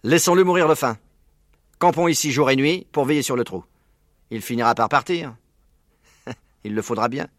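A man's voice: mid-range voice, moderate pace, pauses often, a bit bright, dry recording, clean studio sound, voice pushed up, natural voice. A man voicing a furious, vengeful male farmer who bellows threats. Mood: scheming.

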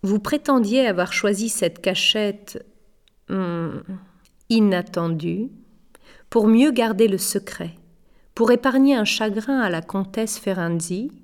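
A gentle, shrewd little old man, soft-spoken and quietly ironic, as a woman reads him in an audiobook. His voice sits at a middle pitch. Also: slow, close to an everyday voice. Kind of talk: audiobook reading.

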